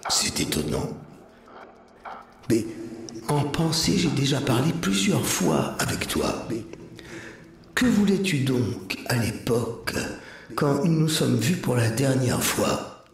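A man giving a slow, measured dramatic reading of a dialogue, shifting between characters, heard from a distance in a roomy space with music behind him. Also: mid-range voice, sing-song, a little hiss or hum. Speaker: reader.

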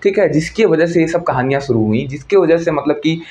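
A man's voice: fairly high pitch, fairly quick, a little mellow. A man hosting an informal explainer lecture in a chatty, teasing way. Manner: chatty, teasing, with frequent "ठीक है" tags. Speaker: educational channel host. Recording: roomy, dull lo-fi recording.

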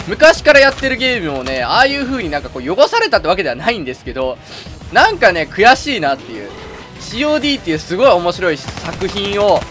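A man doing casual gameplay commentary and chat, chatty, often stammering and restarting, with excited outbursts. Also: sits high. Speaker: gaming commentator. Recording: loud game music and gunfire behind.

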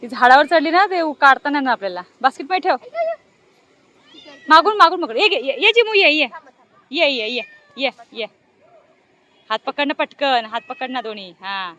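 A woman's voice: high-pitched, expressive, moderate pace, long pauses, sharp tone, rough recording. A middle-aged woman vlogging casually outdoors on an open ground, chatty and doting as she coos at her pet cat. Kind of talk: casual vlog chat.

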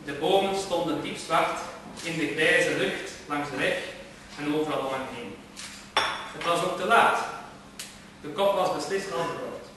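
Male reader, expressive dramatic narration, high-pitched and sharp; distant mic, roomy echo. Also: unhurried, pauses often, background noise. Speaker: reader and lecturer. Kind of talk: theatrical literary reading. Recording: very echoey room, far from mic.

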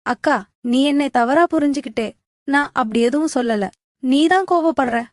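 A woman's voice: sits high, moderate pace, dry recording, studio quality. A woman voicing a teenage boy, a scheming younger brother, with a pleading, coaxing manner.

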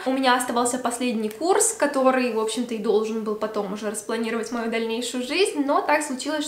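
Young woman, from Belarus, higher voice, chatty and filler-heavy, roomy echo. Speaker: beauty vlogger. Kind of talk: casual Q&A vlog. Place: room at home by a Christmas tree.

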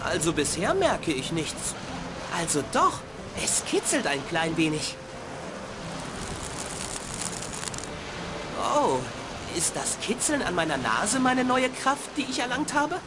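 Earnest, expressive young boy. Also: lowish voice, measured pace, heavy background noise. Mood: curious, dismayed. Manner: innocent, expressive. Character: polite, earnest, naive young boy adventurer. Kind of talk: video game voice acting.

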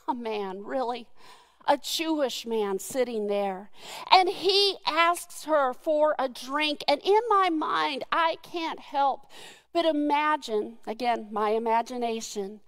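A woman preaches from the pulpit, retelling the story with earnest warmth and the odd soft laugh. Her voice sits high, and she takes her time over each phrase. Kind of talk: sermon.

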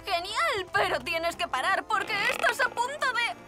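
A woman's voice: very high voice, animated, normal speed, loud music behind the voice. An actress voicing a cheerful, sensible cave girl who encourages her friends. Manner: bright, encouraging, giggly. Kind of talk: Spanish cartoon dubbing.

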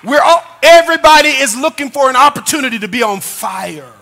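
An older male pastor preaching with humor and shouted bursts, calling on the congregation to answer. His voice is unusually high and bright for a man. It rings out in a long church reverb. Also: expressive, a little fast. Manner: humorous, shouting emphasis, call-and-response. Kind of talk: sermon. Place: church sanctuary.

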